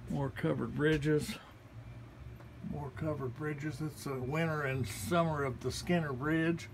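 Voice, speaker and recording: Recorded on a handheld phone, a man who is the artist casually leads visitors through a small gallery in a relaxed, folksy way, narrating as he points out each painting in turn. He speaks slowly, in a fairly high and creaky voice, against a noisy background.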